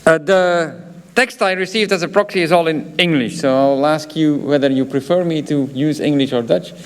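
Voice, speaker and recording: Handing out diplomas at a graduation, a male professor from Belgium speaks with a Flemish accent in a voice on the high side, at a moderate pace. The speech is hesitant, thick with filler sounds and sprinkled with chatty asides.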